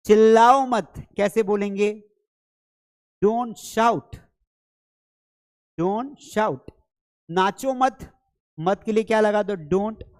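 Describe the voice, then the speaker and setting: A man's voice: high voice, takes it slowly, long pauses, a little mellow. A man teaching spoken English in a live online lesson, calling viewers "children" and repeating phrases for drills.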